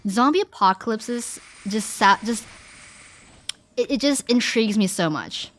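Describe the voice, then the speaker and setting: A young woman streaming, chatting casually with viewers in an animated way, filling her talk with "like" and restarting her sentences. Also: on the high side, unhurried, a little hiss or hum. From Canada.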